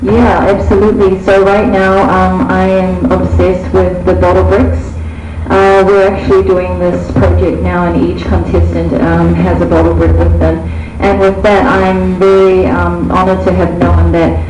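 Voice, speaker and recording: A woman's voice: fairly low pitch, flat delivery, unhurried. A young woman from the Cook Islands, answering pageant questions in a chatty, hesitant way. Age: young adult. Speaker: pageant contestant. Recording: echoey, distant, music behind.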